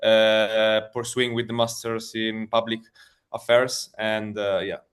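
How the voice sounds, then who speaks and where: A man's voice: lowish voice, little pitch movement, takes it slowly. A young man with an Italian accent politely introducing himself as a student. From Genoa, Italy. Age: young adult. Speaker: intern, master's student.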